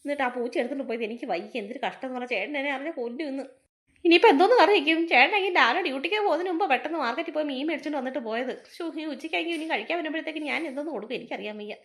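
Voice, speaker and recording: A woman's voice: high-pitched, racing, a bit bright. A woman playing a fretful, scolding mother in a family comedy skit, full of exclamations.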